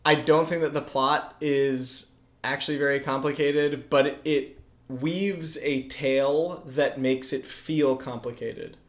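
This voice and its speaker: A man's voice: mid-range voice, steady tone, slow. A young man co-hosting a casual comedic movie podcast, talking in a wry, sarcastic, mock-lecturing way. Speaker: podcast co-host. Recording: roomy echo.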